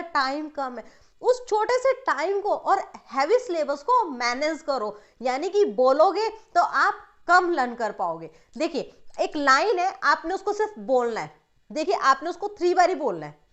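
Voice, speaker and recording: A young woman with a high, light voice gives a motivational study lesson. She speaks straight to her viewers as students and drops English terms into her Hindi. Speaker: study coach.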